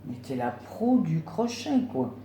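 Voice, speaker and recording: A woman's voice: low-pitched, big pitch swings, measured pace, mellow, slight background noise. A woman chatting casually at home as she unboxes gifts, effusive and exclaiming with delight. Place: home room. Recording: roomy home recording.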